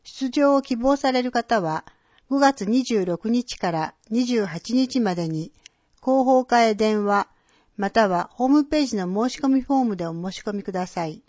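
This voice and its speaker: A woman announcer reading a scripted public-service segment, with clear, measured delivery of names and dates. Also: fairly high pitch, lively intonation, darkish tone, dry recording, muffled recording. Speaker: municipal announcer.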